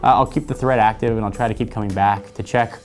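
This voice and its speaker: A man's voice: fairly low pitch, steady tone, fast talker, faint music behind. A man hosting a casual tech vlog, chatting upbeat and direct to his viewers. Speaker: channel host. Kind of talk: casual vlog talk to camera.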